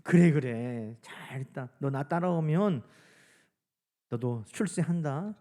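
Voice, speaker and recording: A man acting out a calm, gentle male teacher who speaks quietly and plainly to his disciples. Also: mid-range voice, takes it slowly. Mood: gently warning.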